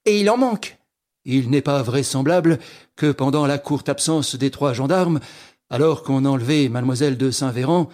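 A man's voice: fairly high pitch, a little mellow, close to an everyday voice. Man doing an eager young male sleuth. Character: young male amateur detective, eager and sharp.

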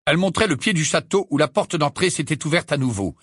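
Male audiobook narrator, dramatic and bright, husky edge, dry close sound. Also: a little high, fast, dry recording. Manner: expressive, dramatic reading. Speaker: audiobook reader.

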